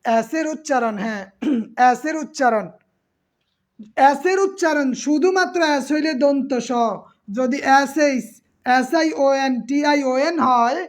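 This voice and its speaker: A woman teacher giving an exam-prep class, patiently repeating terms and quizzing her students. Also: sits high.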